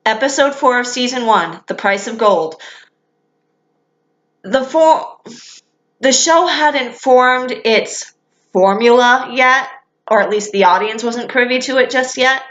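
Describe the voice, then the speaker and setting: A woman's voice: on the high side, takes it slowly, long pauses, a bit bright. Chatty young woman in an echoey room. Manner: chatty, enthusiastic, candid with casual swearing. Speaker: vlogger. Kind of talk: casual fan commentary.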